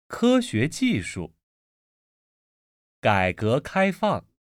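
Very slow, measured male reader. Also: medium pitch, wildly swooping pitch, clear, resonant tone, dry recording, studio quality. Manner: carefully enunciated drill words. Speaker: Mandarin pronunciation lesson reader. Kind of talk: slow, deliberate textbook recording.

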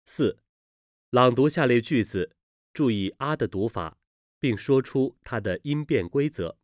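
A speaker slowly reading Mandarin pronunciation drills and example sentences from a textbook, with precise enunciation. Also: medium pitch, animated, dry recording, clean studio sound. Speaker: language lesson reader. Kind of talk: slow, careful textbook reading.

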